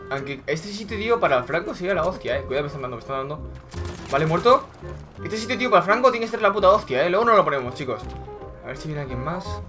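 A young man giving excitable, swearing live commentary over his own gameplay, yelling when he scores. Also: on the high side. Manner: excitable, swearing, shouting at kills. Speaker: gaming YouTuber. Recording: music in background.

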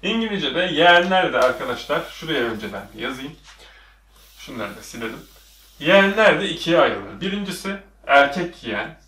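A man's voice: on the high side, very animated, normal speed, pushed and bright. A man teaching a lesson at a whiteboard, quizzing the viewers with repeated questions, recorded in a classroom. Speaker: English teacher. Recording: echoey room, voice from a distance.

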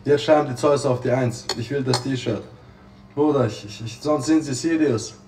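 A young adult man chats casually on a livestream from a small living room with a kitchen, spilling out effusive, exclamatory street slang sprinkled with English interjections. His voice is medium-pitched with a darkish tone and moderate pace. His phone is propped up a step away, so the distant mic gives the audio a roomy sound.

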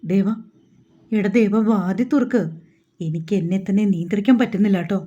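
Woman narrator voicing a furious young man, husky and dark, in a dull storybook recording. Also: medium pitch, moderate pace, close to an everyday voice. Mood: angry. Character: hot-tempered young man, cursing and shouting.

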